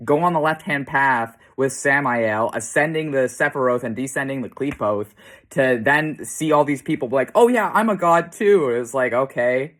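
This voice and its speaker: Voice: medium pitch, moderate pace, a bit bright. Vlogger type, blunt and foul-mouthed, venting to camera in an exasperated casual rant, short laughs between points. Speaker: self-described demonologist vlogger.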